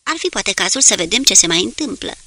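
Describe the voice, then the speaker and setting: A woman's voice: medium pitch, sing-song, pushed and bright, no room sound, exaggerated voice. Woman reading as a stern submarine commander. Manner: clipped, firm orders.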